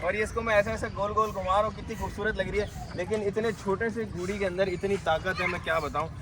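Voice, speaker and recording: A man vlogging at an outdoor zoo in a chatty, excitable way, talking to viewers and to the animals. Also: sits high, fast talker. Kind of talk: casual vlog narration. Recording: noisy outdoor camera audio. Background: birds and animal calls.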